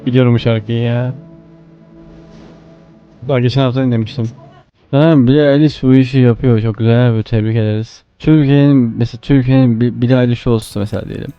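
A man's voice: mid-range voice, steady tone, fast, muffled recording, faint music behind. A man putting on a drunken town-drunk manner, muddled and rambling as he chats during an online game. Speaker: host of a comedy gaming video.

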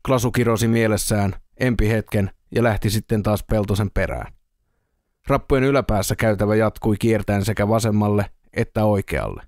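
A man reading an audiobook in a steady, even storytelling manner, close to the mic. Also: fairly low pitch, no echo. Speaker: audiobook reader. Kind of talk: audiobook narration.

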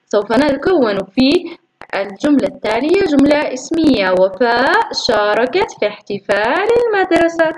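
A woman teacher going through workbook exercises for young pupils, praising often and slowly drawing out syllables as she sounds words out. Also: fairly high pitch, slight background noise, low-quality recording. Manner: slow, drawn-out syllables when sounding out words. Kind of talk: recorded classroom lesson.

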